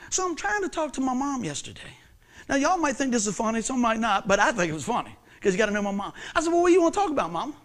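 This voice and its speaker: A man preaching a sermon, swinging from hushed lines to shouted ones. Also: extremely high pitch, very animated, fast talker. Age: 50s. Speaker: pastor.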